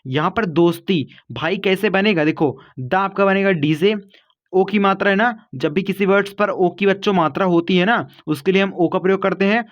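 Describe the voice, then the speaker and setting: A man's voice: high-pitched, normal speed, highs cut off. A man teaching an online spelling lesson, explaining patiently step by step and calling his viewers kids and guys.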